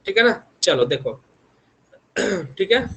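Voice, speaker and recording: High-pitched young male lecturer a lilt, chatty teaching tone full of check-ins and homely examples. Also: sing-song, slow, pushed and bright, lo-fi sound. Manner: repeats tag questions constantly, homely examples. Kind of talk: online engineering lecture.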